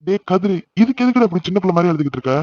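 A man voicing a calm, reassuring middle-aged father in a family cartoon. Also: high-pitched, very fast, lo-fi sound. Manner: gentle, reassuring. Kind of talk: cartoon voice acting.

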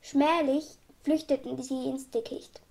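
A woman reading a children's storybook aloud in a lively, expressive way. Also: sits high, unhurried, creaky. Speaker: audiobook reader.

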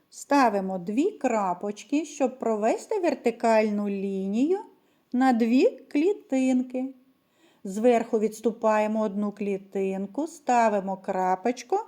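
Slow, mellow-voiced woman teacher. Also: fairly high pitch. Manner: slow, patient, addresses children directly. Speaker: primary school teacher. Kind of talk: children's lesson.

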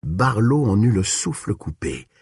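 Give me a man narrating a dark audiobook with a husky, breathy voice. He sits a little low in pitch and swings it around expressively. The sound is close and dry. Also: measured pace, dry recording. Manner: expressive, shifting pace and tone.

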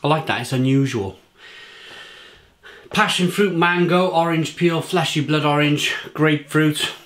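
A man's voice: on the high side, a little slow, a bit bright. A man with a British accent doing a casual beer review to camera, rambling through restarts and listing flavours with enthusiasm. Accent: British English. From England.

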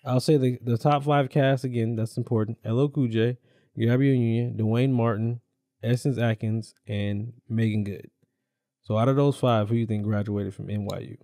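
A man's voice: medium pitch, steady tone, mellow, no room sound, studio quality. A man co-hosting a casual movie podcast, quizzing his partner on trivia in slangy, easygoing talk. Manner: slangy, quizzing, quick agreeable interjections. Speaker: podcast co-host running a trivia quiz. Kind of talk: casual chat.

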